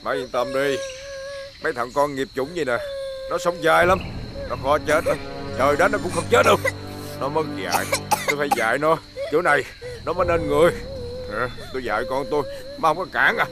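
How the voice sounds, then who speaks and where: A man's voice: a little high, brisk, music in the background, lightly acted. A man playing a cruel taunting father. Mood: defiant. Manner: taunting, shouts at the child. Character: cruel, bullying village father, harsh and mocking. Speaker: abusive father. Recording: loud background score.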